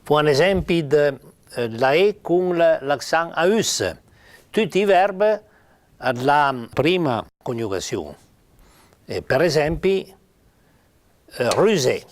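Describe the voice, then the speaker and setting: An older man with a Piedmontese accent giving an informal spoken lesson on spelling, halting with many pauses and fillers. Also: on the high side, lively intonation. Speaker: writer teaching Piedmontese spelling.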